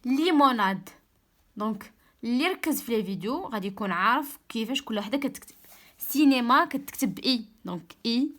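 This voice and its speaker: A young woman with a Moroccan Arabic accent, an online tutor explaining a French lesson, dictating French words slowly. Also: fairly high pitch, animated, a bit bright.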